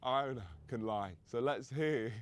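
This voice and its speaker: A man's voice: medium pitch, measured pace. A man hosting and reacting to a clip, pressing contestants with teasing questions in casual commentary. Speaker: host reacting to a game show clip.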